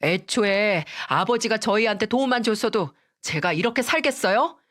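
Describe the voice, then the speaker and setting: A woman's voice: medium pitch, animated, moderate pace, a bit bright, lightly acted. Woman voicing a resentful, complaining grown son. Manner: complaining, defensive. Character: resentful grown son, whining at his father.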